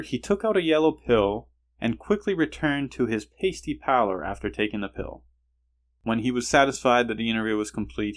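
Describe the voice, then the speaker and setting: Male podcast host, mid-pitch, casual solo storytelling, muses aloud and restarts his sentences. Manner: musing, hesitant, repeats himself while thinking aloud.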